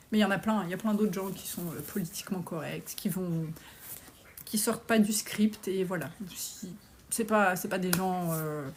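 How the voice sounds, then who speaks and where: A woman in her forties hosts a live stream and answers viewer comments on budgeting. She talks bluntly and casually, with some slang, and her voice sits at an ordinary middle pitch. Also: darkish tone, slight background noise. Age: 40s. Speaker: personal finance coach.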